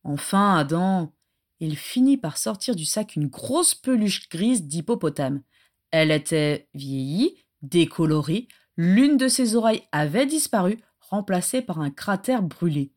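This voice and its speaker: A woman reading a story aloud as an audiobook, in an expressive storytelling style. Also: lowish voice, measured pace. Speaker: audiobook narrator.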